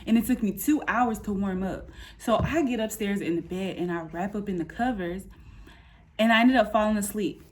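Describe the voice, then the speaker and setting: A woman's medium-pitched voice at a moderate pace: she's a thirty-year-old vlogger in an indoor apartment room. Her casual personal update comes across as informal, candid and slangy, an animated retelling with quoted asides.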